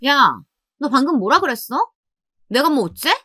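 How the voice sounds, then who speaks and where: A woman voicing a condescending older sister-in-law who mocks and scolds in a raised, sharp voice. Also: high voice, big pitch swings, moderate pace, breathy edge, dry recording, studio quality, pitched above the performer's own voice, exaggerated voice. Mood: angry. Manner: mocking, scolding, looks down on others.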